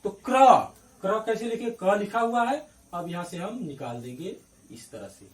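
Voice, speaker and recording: Animated teacher, high lively voice, distant mic. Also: male voice, normal speed. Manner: explains step by step, repeats and spells out syllables, asks checking questions. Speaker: Hindi grammar teacher. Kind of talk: classroom-style grammar lesson at a board.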